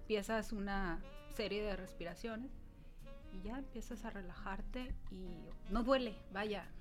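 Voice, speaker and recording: A woman, a therapist guest, calmly explaining and reassuring in casual talk. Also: medium pitch, a little slow. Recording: light music in background.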